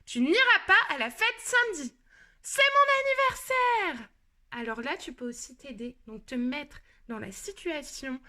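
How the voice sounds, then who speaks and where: A French woman gives a reading lesson to young children, talking straight to the pupil in a patient, clear way. Her voice sits high and sounds bright and clear. She breaks into the example sentences with strong, lively emotion. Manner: explains slowly, addresses the pupil as tu, acts out example sentences with big emotion. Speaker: primary school teacher.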